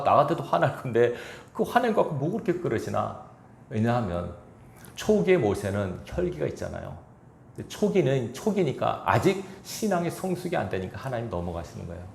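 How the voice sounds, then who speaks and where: A male pastor delivers a sermon in an echoey church sanctuary, his gravelly voice rising and falling with lively swings in pitch. He keeps pressing the congregation with rhetorical questions. A faint hiss of noise sits under the recording.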